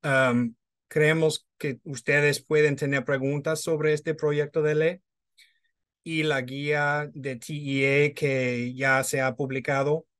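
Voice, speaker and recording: Slow, halting man with American-accented Spanish. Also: a little high, little pitch movement, a bit bright, smooth. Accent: American-accented Spanish with occasional Madrid pronunciation. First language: English. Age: middle-aged. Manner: halting, hesitant non-native delivery. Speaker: education agency presenter. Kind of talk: webinar presentation, translating prepared answers. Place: indoors on a video call.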